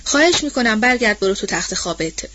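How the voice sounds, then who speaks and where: A woman's voice: medium pitch, expressive, a bit bright, no echo. A woman voicing a stubborn, fussing old nanny who nags in a folksy, protective way. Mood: pleading. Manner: colloquial, nagging and protective. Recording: dull lo-fi recording.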